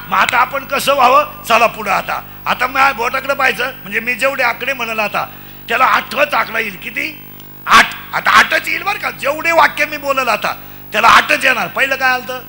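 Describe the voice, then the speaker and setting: A man's voice: very high voice, pushed and bright. A middle-aged man preaching a comic devotional sermon, chanting rhythmic lists and quizzing his audience. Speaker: kirtan preacher.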